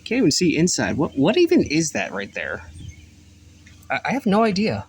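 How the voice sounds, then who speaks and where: Rambling, profane man with lively pitch. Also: moderate pace, husky. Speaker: delivery driver vlogger. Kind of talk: casual vlog. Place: outdoors on a rural delivery route.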